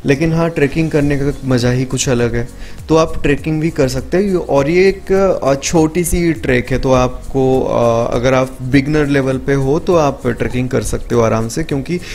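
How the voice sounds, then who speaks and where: A young man narrating his travel vlog in a casual, explanatory way, often pausing with hesitation fillers. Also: mid-range voice, a little mellow, soft background music. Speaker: travel vlogger.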